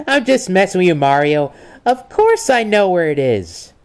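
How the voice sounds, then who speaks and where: A man's voice: sits high, big pitch swings, moderate pace, gravelly, clear, resonant tone, exaggerated voice. A man acts out a mischievous young liar in an amateur comedy dub. The voice swings up and down constantly, coy and teasing, dragging words out in mock innocence. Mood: playful. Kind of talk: amateur comedic fan dub role-play.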